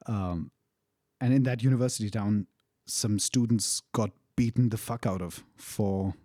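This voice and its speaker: A man's voice: on the low side, dark tone, no room sound, studio quality. Candid, profane man telling a story. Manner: candid and profane, laughs often. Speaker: storyteller recounting a travel experience. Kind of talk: casual storytelling.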